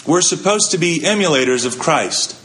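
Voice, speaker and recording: A man's voice: a little high, animated, normal speed, a bit bright, slight background noise. A male pastor giving a sermon in a conversational way, asking the congregation questions and answering them. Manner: conversational preaching with rhetorical questions.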